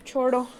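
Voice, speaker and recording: A woman's voice: high-pitched, warm tone, a little hiss or hum. A young woman from western Uttar Pradesh with a Western Uttar Pradesh Hindi accent, chatting bluntly and rambling in a casual vlog from her hostel room, laughing often. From western Uttar Pradesh, India. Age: young adult. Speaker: vlogger.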